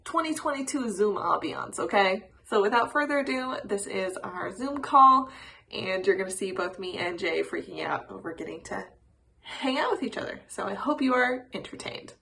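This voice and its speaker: A woman hosting a book vlog, speaking casually to camera in a bubbly, expressive way. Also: mid-range voice. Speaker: book channel host. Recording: clear background noise.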